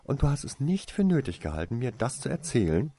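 A man's voice: fairly low pitch, very animated, measured pace, mellow, husky, pitched above the performer's own voice, exaggerated voice. A man voicing a curious, insistent young witch girl in a fantasy storybook, talking in a pushy, scolding way.

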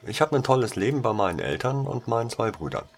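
A man's voice: medium pitch, sing-song, quick pace, creaky, slight background noise, pitched above the performer's own voice. A man voicing a cheerful, tomboyish teenage schoolgirl who teases and giggles in a raised voice. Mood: teasing. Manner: giggly, teasing.

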